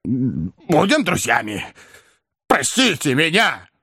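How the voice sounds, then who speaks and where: A man voicing a fierce-looking gentleman, now eager to make peace, who talks in clipped short sentences in a classic novel audiobook. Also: on the high side, huge pitch swings, slow, breathy edge, no echo, studio quality, voice pushed up, exaggerated voice. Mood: earnest. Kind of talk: audiobook character reading.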